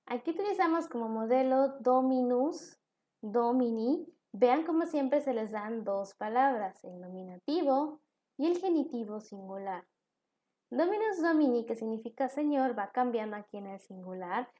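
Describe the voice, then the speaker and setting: Soft-toned woman teaching a patient lecture. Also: fairly high pitch, animated, normal speed. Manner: patient, explains step by step with examples. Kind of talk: recorded online class lecture.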